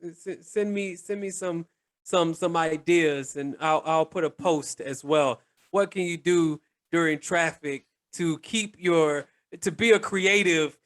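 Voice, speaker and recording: A man co-hosting a casual podcast chat, halting and repeating words, laughing often. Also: a little high, a bit bright. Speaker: podcast co-host.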